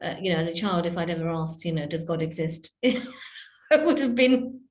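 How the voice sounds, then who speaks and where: A woman appearing as a podcast guest speaks reflectively and hesitantly, with many fillers and restarts, in interview-style talk. Her voice is fairly low, expressive and at normal speed. The room is echoey.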